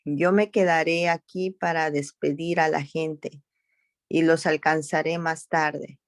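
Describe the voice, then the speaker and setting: A woman reading Jesus, calm and low. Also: takes it slowly, no room sound, studio quality. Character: Jesus, calm grown man teacher.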